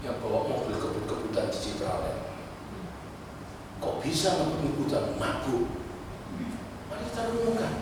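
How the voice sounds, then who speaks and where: A man preaching a sermon, telling stories and urging his congregation with animated, shifting delivery. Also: on the high side, noisy background. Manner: animated storytelling, switching between pleading and urgent exhortation. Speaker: pastor. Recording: echoey church hall from far off.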